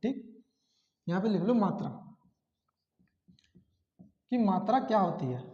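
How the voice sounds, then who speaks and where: A man's voice: high voice, lively intonation, a little slow. A man teaching an exam-prep grammar lesson, repeating key terms and asking rhetorical questions. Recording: echoey, dull lo-fi classroom sound.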